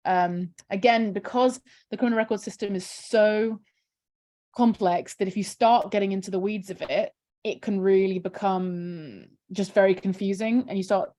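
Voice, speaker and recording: On a casual video call interview, a charity campaigner walks through a screen share, chatting away with plenty of "um" and "kind of." Her voice is medium in pitch with a dark tone.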